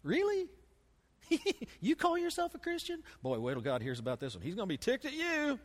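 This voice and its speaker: A man's voice: very high voice, huge pitch swings, fairly quick, voice pushed up, full character voice. A man voicing a mocking male tempter spirit who whispers taunts in a sermon, incredulous and scornful. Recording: long reverb of a large hall.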